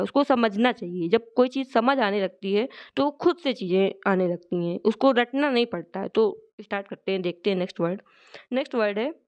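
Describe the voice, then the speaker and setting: A woman teaching a vocabulary lesson for exams, explaining each word step by step and reading the English definitions slowly. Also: mid-range voice, a little mellow.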